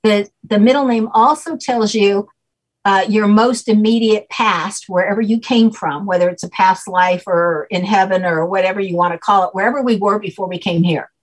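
This older woman, an expert guest on a video call from her home, lays out her topic at length with teacherly patience, often pausing for "okay?" Her medium-pitched voice is steady and moderately paced, though the audio is poor.

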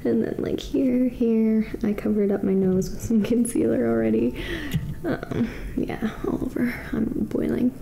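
Young woman doing a quiet hushed vlog, super mellow n breathy, lots of fry, bit of background noise. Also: on the high side, little pitch movement, unhurried, low-quality recording. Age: 20s. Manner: hushed, half-whispered, talking quietly so as not to wake someone. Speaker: vlogger. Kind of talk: quiet late casual vlog to camera. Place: small indoor room with plain walls.

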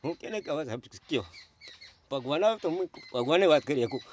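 A man's voice: on the high side, expressive, fast talker, darkish tone, a little hiss or hum. Tearful middle-aged man. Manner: pleading, calls the interviewer sir often. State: crying. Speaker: interviewee, father in need. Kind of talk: emotional conversation.

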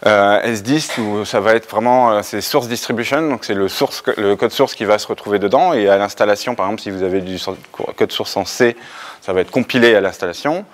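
Low-voiced man presenting a tech talk. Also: a little fast. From France. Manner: hesitant, many fillers and restarts. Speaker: conference speaker. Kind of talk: technical conference talk.

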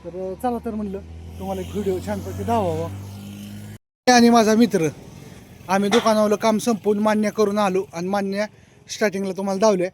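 A young man vlogs into his handheld phone, rambling along with plenty of fillers. His voice sits high for a man. A faint hum of background noise runs under the speech. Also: steady tone, fairly quick. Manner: chatty, loose rambling delivery with frequent fillers. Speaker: vlogger. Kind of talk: casual chat to camera.

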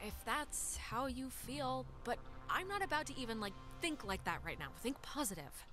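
A woman's voice: sits high, sing-song, moderate pace. A woman voicing a wry, supportive teenage girl in a video game, casual and a little hesitant in a naturalistic style. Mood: hesitant, reassuring. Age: young adult. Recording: music under the voice.

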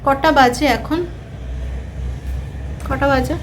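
Her high-pitched voice stays fairly even and slow as she narrates a relaxed home vlog, talking to viewers over her chores in the kitchen and rooms. She's a mother in her thirties with a Bengali accent, and the audio is poor with slight background noise.

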